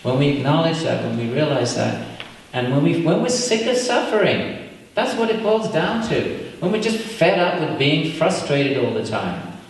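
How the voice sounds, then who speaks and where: A man's voice: on the high side, big pitch swings, moderate pace. A man teaching yoga philosophy to a group at a retreat, talking conversationally and checking in with his listeners. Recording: echoey hall recorded from far off, faint hiss.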